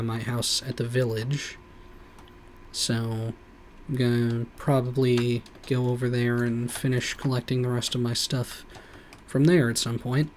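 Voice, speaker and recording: A man's voice: medium pitch, a little hiss or hum. A man streaming a game, rambling casually with lots of "like" and "you know". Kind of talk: casual gameplay commentary.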